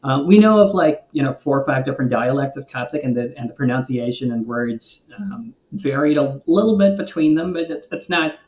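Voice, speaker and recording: Man, guest expert, mid pitch, patient explainer, roomy echo. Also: lively intonation, a little fast, a little mellow. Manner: thoughtful, many ums and restarts. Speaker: guest linguist. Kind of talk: explanatory conversation.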